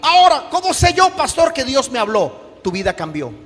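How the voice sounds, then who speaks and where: A man with a Colombian accent, a pastor preaching a sermon with call-and-response and shouted peaks. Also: very high-pitched, wildly swooping pitch, normal speed. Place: church hall. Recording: echoey church hall with music.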